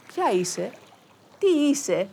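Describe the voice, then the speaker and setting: A woman voicing a male hunter in a folk tale who gently coaxes a crying girl to come home with him. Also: high voice, big pitch swings, gravelly, husky, voice pushed up, heavily acted. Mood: curious. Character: lonely male hunter, eager and tender suitor.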